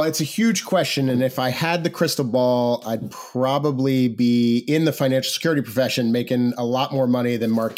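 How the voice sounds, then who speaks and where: A man's voice: mid-range voice, darkish tone. A man giving conversational expert commentary as a podcast guest, informal and explanatory, checking in as he goes. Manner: informal, explanatory, checks in with "right?" and "you know". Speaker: podcast guest, financial policy advocate.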